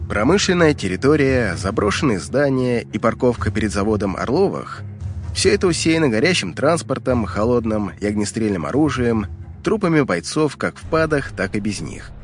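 A man's voice: medium pitch, very animated, moderate pace, faint music behind. A man narrating fiction from a script as an audiobook reader, in a dramatic storytelling style.

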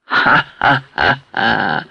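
A feverish young warrior raves and challenges unseen enemies, as a male audiobook reader puts him on. The voice is gravelly and jumps high into wild, hoarse cries. It sounds dull and dry, like a lo-fi recording. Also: expressive, slow pace, dry recording, full character voice. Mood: raving, defiant. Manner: wild shouting, hoarse broken outbursts. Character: delirious young man, feverish warrior raving.

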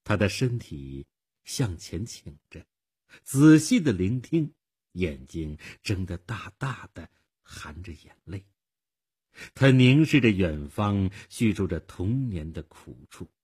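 A man reading a long story aloud for radio in measured, expressive narration with a husky voice. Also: sits low.

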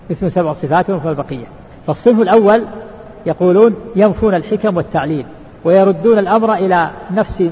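Sheikh lecturing, very fast, dull muffled recording in a mosque hall with long echo. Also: male voice, high-pitched, darkish tone, slight background noise. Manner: asks rhetorical questions and answers them, repeats words. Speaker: sheikh teaching a book. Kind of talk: lecture explaining a religious text. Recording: reverberant hall, dull lo-fi sound.

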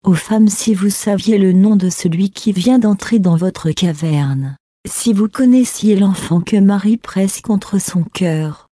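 A woman reading a humble gentle male saint. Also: mid-range voice, slow pace, no room sound, clean studio sound.

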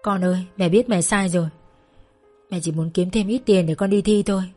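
A woman's voice: medium pitch, fairly quick, warm tone, soft background music, natural voice. A woman voicing a desperate mother who tearfully begs her daughter for help, in a spoken story. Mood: pleading. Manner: tearful, begging. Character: desperate pleading mother in debt.

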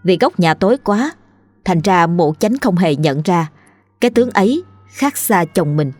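A woman narrating a ghost story in a steady, measured storytelling voice. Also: on the low side, no room sound, faint music behind.

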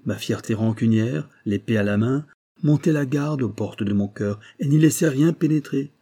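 A man reading aloud, voicing a proud, composed young village woman who pleads her case in formal, measured speech. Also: mid-range voice, mellow, husky. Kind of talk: audiobook reading.

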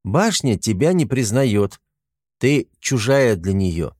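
A man reading an audiobook, voicing a calm male angel who speaks in measured, sorrowful reproach. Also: medium pitch, no room sound, studio quality.

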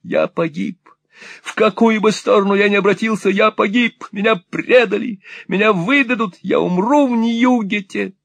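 A greedy old miser shrieks in a shrill, squealing wail, his voice pitched far above normal speech. The sound is dry and close. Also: moderate pace, creaky, a bit bright, no room sound, exaggerated voice. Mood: frantic.

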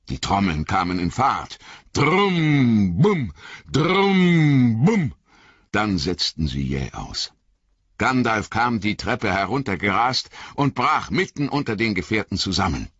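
Deep-voiced, animated male audiobook narrator. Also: measured pace, husky, no room sound. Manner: expressive, dramatic storytelling. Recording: slightly dull lo-fi audio.

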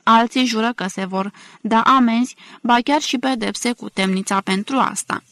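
Measured woman narrating a novel. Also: a little high, fairly bright tone, dry recording, studio quality. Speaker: audiobook narrator. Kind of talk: scripted literary narration.

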